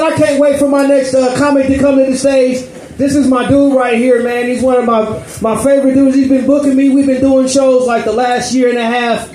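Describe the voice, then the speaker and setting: A man hosting a comedy show, hyping the crowd and introducing the next act. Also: extremely high pitch. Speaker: show host. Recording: echoey club mic with crowd and noise.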